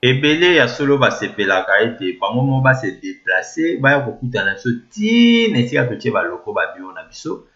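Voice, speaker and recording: A man's voice: mid-range voice, big pitch swings, normal speed, few pauses, a bit bright. A man hosting his channel, giving a declamatory, scripted introduction that lists and repeats phrases. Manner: declamatory, repetitive listing. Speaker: channel host. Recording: dull lo-fi audio.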